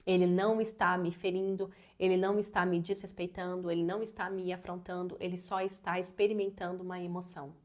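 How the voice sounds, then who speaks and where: A woman's voice: lowish voice, level tone, a little fast, hardly any pauses, darkish tone. A woman in her thirties talking earnestly and personally as a parenting educator, with many casual fillers. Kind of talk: advice talk to camera.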